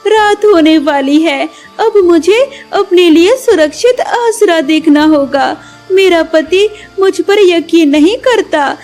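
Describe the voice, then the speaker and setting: A woman voicing a simple, kind young bird wife in a cartoon, speaking in a gentle and polite way. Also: very high voice. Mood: resolute.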